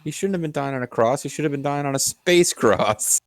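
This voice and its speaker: A man's voice: medium pitch, animated, fairly quick, dry recording. A man giving casual gameplay commentary with sarcastic jokes and frequent laughter. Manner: sarcastic, joking, laughs often. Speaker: co-host of a gameplay video.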